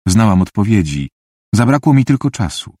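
A shy teenage girl, flustered and a little breathless, speaks in a raised, lively voice, as a male narrator puts her on. The sound is close and dry, with no room around it. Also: fairly low pitch, normal speed, no echo. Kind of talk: audiobook character voice.

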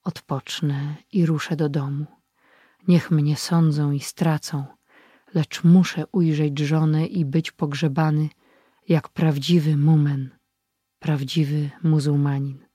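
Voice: medium pitch, flat delivery, slow pace, mellow, husky, no room sound, clean studio sound. An audiobook reader voicing a wounded young Berber man who speaks in a weak, faltering voice. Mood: determined.

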